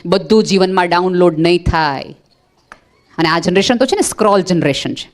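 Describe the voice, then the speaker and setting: A woman's voice: lowish voice, moderate pace. A woman giving a motivational talk to parents, speaking emphatically with rhetorical questions and short anecdotes.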